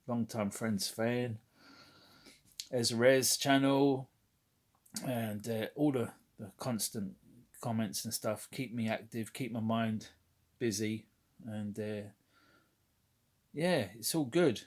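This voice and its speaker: A man's voice: medium pitch, slow pace, pauses often, darkish tone. A man rambling frankly in a casual vlog, with lots of fillers and casual swearing. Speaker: toy collector vlogger.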